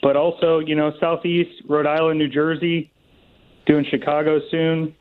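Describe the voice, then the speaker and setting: A man calling in to pitch a show over an online call, speaking in a laid-back, self-assured casual way. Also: flat delivery, a little slow, smooth. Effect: heard through an online call line. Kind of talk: casual chat. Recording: tinny call-in audio.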